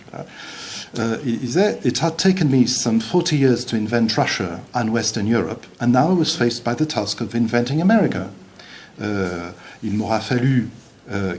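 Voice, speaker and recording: A middle-aged man, a visiting professor, giving an academic lecture in a halting, hesitant way with dry, wry asides. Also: fairly low pitch, mellow, a little hiss or hum. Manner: hesitant, halting delivery with many pauses.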